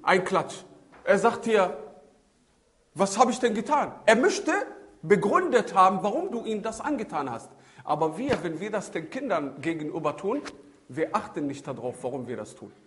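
A man's voice: sits high, normal speed, slight background noise. A man giving a religious talk as a preacher, telling stories animatedly and adding Arabic religious phrases. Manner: animated storytelling with shifting emphasis. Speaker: Islamic preacher. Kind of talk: religious talk on child-rearing.

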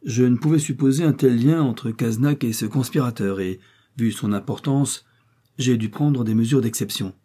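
A man's voice: medium pitch, normal speed, warm tone, husky, lightly acted. A man voicing a vindictive revolutionary official who speaks in a dry, incisive, self-righteous way. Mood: cold.

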